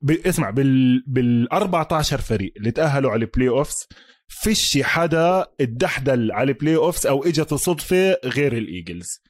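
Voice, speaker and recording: A man's voice: fairly high pitch, no echo, clean studio sound. A man with a Palestinian Arabic accent chatting casually about sports as a podcast host, emphatic and repeating himself, mixing in English terms.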